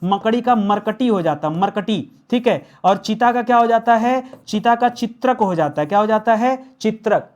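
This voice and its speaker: A man's voice: high voice, animated, normal speed, few pauses. A man teaching an online grammar class. He asks his viewers questions, answers them himself and repeats the key words.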